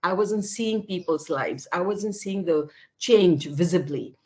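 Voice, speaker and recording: A woman in her sixties from Nepal speaks in an interview over a video call. Her voice sits a little low, and she talks thoughtfully, breaking off and restarting her sentences with frequent fillers. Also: unhurried, darkish tone. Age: 60s. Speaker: interview guest, women's rights activist.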